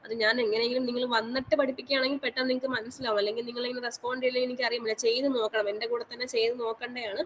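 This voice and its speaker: A woman's voice: a little high, flat delivery, racing, few pauses, a little hiss or hum, low-quality recording. A woman college teacher giving an online lecture, repeating each instruction and mixing English technical terms into her speech. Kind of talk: online class lecture on exam syllabus.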